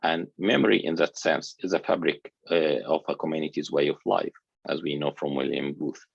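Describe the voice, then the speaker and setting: A man from Egypt delivers a conference lecture in a very low, gravelly voice with a husky edge. He talks earnestly and haltingly, often restarting his phrases. The sound is dry and dull, like a lo-fi recording. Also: dry recording. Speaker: architecture researcher giving a talk.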